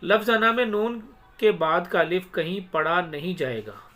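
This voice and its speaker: A man teaching Quran reading step by step. He sounds out each word slowly and stretched, then explains quickly and checks with the listener. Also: sits high, pushed and bright. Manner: asks the learner quick check questions. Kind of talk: step-by-step recitation lesson.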